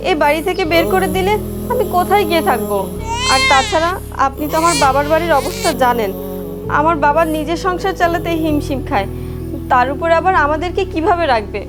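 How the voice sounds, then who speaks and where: Tearful, pleading Bangladeshi daughter-in-law. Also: female voice, very high-pitched, animated, brisk, over loud music. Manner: tearful, beseeching. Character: wronged, pleading young daughter-in-law and mother. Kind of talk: melodramatic short film acting.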